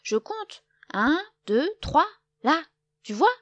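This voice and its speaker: A woman voicing a grumpy young male wolf who gets vexed and shouts, in a children's storybook reading. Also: mid-range voice, lively intonation, unhurried, dry recording. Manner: huffy, easily vexed, shouting when mocked.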